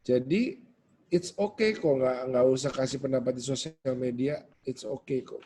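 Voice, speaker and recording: A man giving a casual webinar talk over a video call, animated and acting out quoted voices. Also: medium pitch, normal speed, slight background noise. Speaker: webinar guest speaker.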